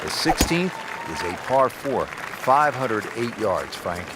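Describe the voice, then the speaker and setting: A man doing play-by-play golf commentary as a broadcast announcer, with a polished, measured delivery. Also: lowish voice, big pitch swings, very noisy. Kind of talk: scripted sports commentary. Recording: loud music and crowd behind. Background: music and golf crowd.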